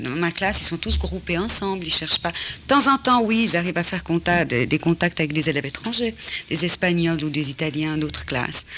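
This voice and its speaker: A woman's voice: lowish voice, a bit bright, slight background noise. A woman teacher, speaking earnestly and conversationally on a discussion panel.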